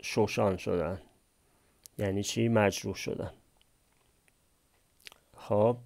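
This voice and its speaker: Male language tutor, low and raspy, patient question-and-answer explaining. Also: steady tone, darkish tone. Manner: asks and answers his own questions. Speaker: language teacher. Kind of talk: explaining a text line by line.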